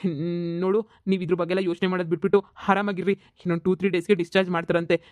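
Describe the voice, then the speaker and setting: A man plays a young cartoon son who steadies his parents, speaking quickly and firmly in an even, flat voice. The recording is close and dry. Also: sits high, no room sound, natural voice. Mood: reassuring. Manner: firm, reassuring, brisk. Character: young adult son, calm and reassuring. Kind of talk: cartoon voice acting.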